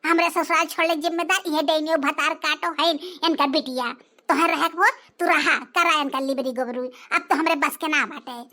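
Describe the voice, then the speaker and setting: A performer voicing an angry young daughter-in-law with an Awadhi accent, ranting bitterly in a cartoon. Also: female voice, high-pitched, fairly even intonation, moderate pace, pushed and bright. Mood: bitter, fed up. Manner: bitter, complaining rant. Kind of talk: cartoon voice acting.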